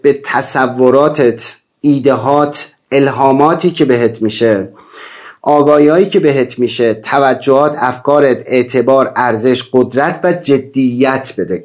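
A man teaching a self-help class, talking in an animated way with big swings in pitch, repeating and listing words for emphasis, with small stumbles and restarts. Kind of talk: lecture to an online class.

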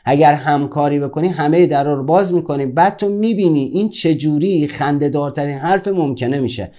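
A man giving an informal motivational talk as a course teacher. His voice sits a little high for a man but sounds mellow and relaxed. He speaks to his listeners directly, like a conversation. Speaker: self-help course teacher.

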